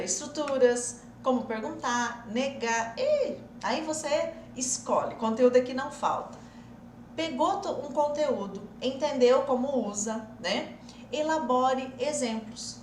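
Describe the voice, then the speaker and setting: Brazilian lady teacher, bit high, coaxing, talks you through it step by step. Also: reverberant, slight background noise. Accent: Brazilian Portuguese. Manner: animated, coaxing, explains step by step. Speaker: English teacher. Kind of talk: online language lesson.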